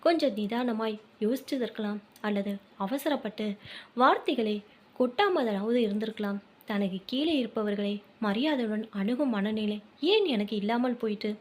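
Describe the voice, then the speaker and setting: A woman's voice: a little high, moderate pace. A woman with a Tamil accent reading a family short story aloud, telling the narration and the characters' lines in the same voice. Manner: reads dialogue and narration in one voice.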